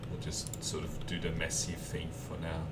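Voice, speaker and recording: Heavy background noise, including keyboard clatter caught by a faraway microphone, surrounds a man's rumbling low, monotone voice at a moderate pace. He's a German game streamer with a mild German accent and an Australian twang, casually chatting with viewers as he builds in a game and answering their questions between tasks.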